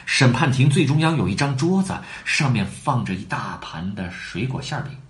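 Animated man reading a story to kids. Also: mid-range voice, normal speed. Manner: animated, talking to the children between lines. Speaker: storyteller for children. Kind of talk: reading a children's story aloud.

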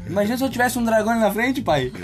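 A man's voice: very high voice, big pitch swings, racing, over music. A young Brazilian man hosting a casual podcast, telling a story with teasing energy and playful voices. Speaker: podcast host.

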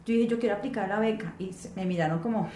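A woman guest in a casual interview, telling personal stories in an animated way and often acting out what others said. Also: medium pitch, fast. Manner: animated storyteller, quotes others in voices. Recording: echoey room with faint background noise.

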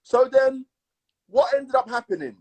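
A man with a London roadman accent telling stories in casual, slangy chat, emphatic and repetitive, with a husky voice. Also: extremely high pitch, animated, a little slow, darkish tone. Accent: London urban, roadman. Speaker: podcast co-host.

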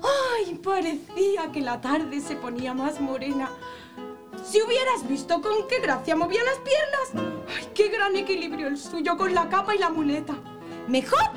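A lively, gossipy young girl in a radio drama. She has a very high voice and an animated, rhythmic way of reciting. Guitar music plays clearly behind her. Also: exaggerated voice.

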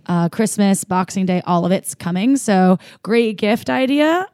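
A woman's voice: mid-range voice, animated, measured pace, a little mellow, no echo. Chatty woman podcast co-host, dry sound. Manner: chatty, rambling with fillers. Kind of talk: casual podcast chat.

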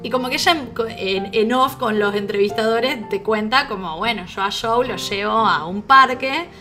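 A young woman speaks in animated Rioplatense Spanish, slightly high-pitched and quick to laugh. She acts out lines as she chats. Music plays clearly underneath her voice. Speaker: podcast co-host. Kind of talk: casual chat.

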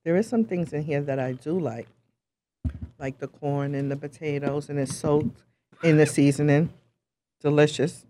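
A woman's voice: low-pitched, normal speed, long pauses, warm tone, a little hiss or hum. A woman co-hosting a casual talk show, laid-back and teasing. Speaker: co-host. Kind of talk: casual chat.

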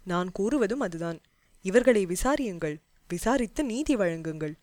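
A woman voicing a bold young male warrior envoy who speaks in rapid, defiant outbursts. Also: mid-range voice, lively intonation, darkish tone, no echo, close to an everyday voice. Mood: indignant.

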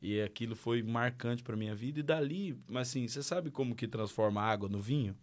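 A man's voice: mid-range voice, fairly quick. Brazilian man telling his story. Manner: lively storyteller acting out dialogue. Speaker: guest. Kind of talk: casual testimony.

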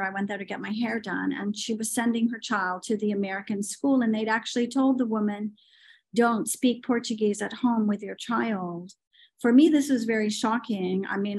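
A middle-aged woman with a mid-range voice discusses language teaching in a podcast conversation. She is opinionated and tells stories, using frequent fillers.

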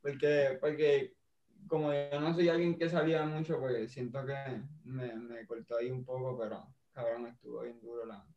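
A man's voice: medium pitch, moderate pace, dull audio. A young man with a Puerto Rican accent chatting casually as a podcast guest, slangy and swearing freely. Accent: Puerto Rican Spanish. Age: young adult. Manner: slangy, swears often, animated storytelling. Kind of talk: casual chat.

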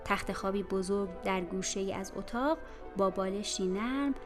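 A woman narrating an audiobook in a measured, literary reading style. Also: medium pitch. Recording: reverberant room with faint music.

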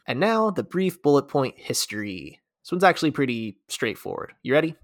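An American man co-hosting a casual talk show, leading the segments with lively, fact-filled explanation. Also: medium pitch, fairly quick, no room sound, clean studio sound. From United States. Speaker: podcast co-host.

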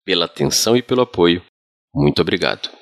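A Brazilian man narrating as a podcast storyteller, with a sultry, deliberate, dramatic delivery of scripted horror tales. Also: low-pitched, expressive, a little hiss or hum. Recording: music bed behind voice. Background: background music.

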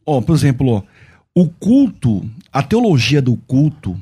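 A man's voice: mid-range voice, very animated, a little slow, dark tone, breathy edge. A man with a Brazilian accent debating church worship, insistent and full of restarts. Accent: Brazilian Portuguese.

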